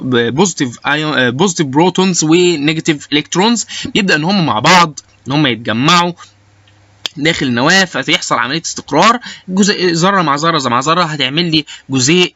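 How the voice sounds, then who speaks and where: In an informal lecture, a biomedical engineering instructor with an Egyptian Arabic accent explains concepts while dropping in English technical terms. His fairly high voice has a sharp tone, and the audio is dull with no room sound.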